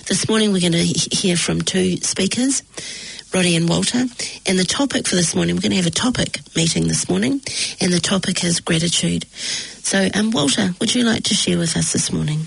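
A meeting chair reading aloud to a group in a measured way. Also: medium pitch, vocal fry, a bit bright, breathy edge, low-quality recording.

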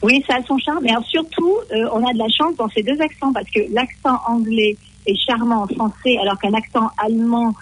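A woman's voice: on the high side, brisk, rough recording. A middle-aged woman from France, living abroad, talking casually with many fillers and restarts. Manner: chatty, hesitant, frequent fillers and restarts. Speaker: French woman living in New Zealand. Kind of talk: casual conversation.

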